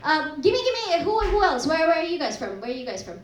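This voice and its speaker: An Indian woman hosts a stand-up night as the comedy MC, doing crowd work in a small comedy pub. Her high, animated voice carries a teasing, brash tone as she trades quick banter with the audience. The live recording sounds roomy, with a laughing crowd in the background.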